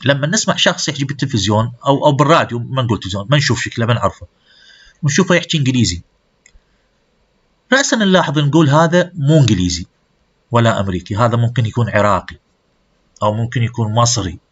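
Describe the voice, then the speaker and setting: A man teaches a class at a middle pitch, stepping through examples as he moves between two languages. The recording is dull and a little lo-fi. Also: expressive, racing, pauses often, husky. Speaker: language lecturer. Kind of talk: classroom lecture mixing Arabic and English.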